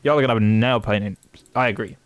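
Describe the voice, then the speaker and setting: A man's voice: fairly low pitch, quick pace, no echo. A young man, streaming from his desk and chatting casually, swearing freely and interrupting himself. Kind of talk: casual livestream chat.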